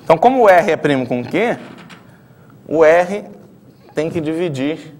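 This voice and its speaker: This middle-aged man, a math professor with a Brazilian Portuguese accent, lectures at the blackboard in an expressive, unhurried way, his voice on the high side with a darkish tone. He explains a proof step by step, reasoning aloud and often tacking on tag questions.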